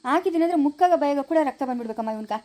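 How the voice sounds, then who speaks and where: A woman's voice: high-pitched, expressive, very fast, a little mellow. A woman playing a hot-tempered young son who threatens the man insulting his mother, with a Chikkaballapura Kannada accent and blustering, threatening talk. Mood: furious.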